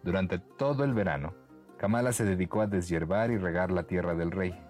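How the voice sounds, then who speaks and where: A man narrating a bedtime story for children in a gentle, expressive way. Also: sits low, fairly quick, faint music behind.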